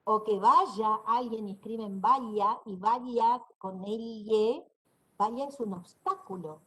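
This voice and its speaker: A woman's voice: a little high, takes it slowly, fairly bright tone, slightly rough, poor audio. A woman with a northeastern Argentine accent giving a university class, explaining and demonstrating pronunciations aloud. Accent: northeastern Argentine Spanish. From Corrientes, Argentina. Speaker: university lecturer. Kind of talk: online class lecture.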